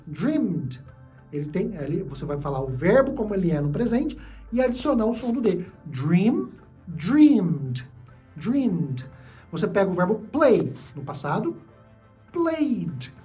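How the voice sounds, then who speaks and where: A man's voice: high-pitched, darkish tone. A man with a Brazilian accent teaching a video lesson, patient and repeating key points for his students. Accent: Brazilian Portuguese. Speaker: English teacher.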